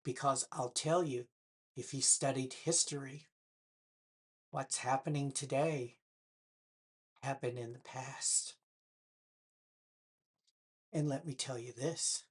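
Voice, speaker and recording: An older woman with a husky, slightly breathy voice talks to camera in an unhurried way. She keeps throwing pointed questions at her audience, with a dry sarcastic bite. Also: rumbling low, fairly even intonation. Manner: pointed rhetorical questions addressed to the viewer. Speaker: political vlogger. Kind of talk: direct-to-camera commentary.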